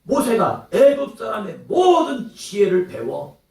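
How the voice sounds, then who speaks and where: A man preaching with a high, wide-ranging voice that leaps up and drops to a hush. His delivery is dramatic and theatrical, and he voices quoted lines in character. The recording is roomy and picked up from a distance in a church hall. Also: big pitch swings, a little slow, vocal fry. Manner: dramatic, swinging between loud outbursts and hushed lines; acts out taunting quotes in character. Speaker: pastor. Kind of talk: sermon. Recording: echoey hall, mic at a distance.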